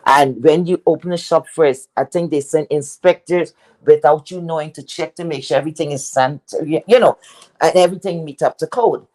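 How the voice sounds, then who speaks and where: A woman's voice: sits low, a little fast, no echo. A woman telling a personal story on a livestream video call, acting out the quoted dialogue. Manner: animated, acts out quoted dialogue. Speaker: guest storyteller.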